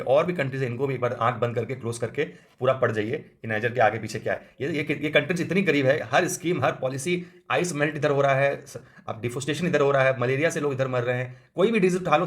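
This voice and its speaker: A man with an Indian accent, an exam coaching teacher, working through quiz answers. He reads English text slowly, then explains in quick Hindi asides, and he corrects himself partway through. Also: medium pitch, fairly bright tone. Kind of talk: quiz answer walkthrough lesson.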